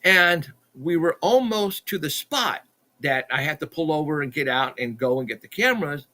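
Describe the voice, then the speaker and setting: A middle-aged man, a podcast guest, telling a story in an animated, excitable way, stumbling and repeating himself as he acts out what people said. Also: fairly high pitch, normal speed. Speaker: podcast guest, Bigfoot researcher.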